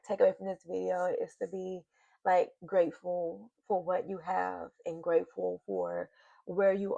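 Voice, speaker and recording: A woman's voice: medium pitch, gravelly, a little mellow, no echo, lo-fi sound. Emotional woman vlogging from home. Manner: emotional, sighing, talking straight to viewers. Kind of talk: casual confessional vlog. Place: home office. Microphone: computer mic.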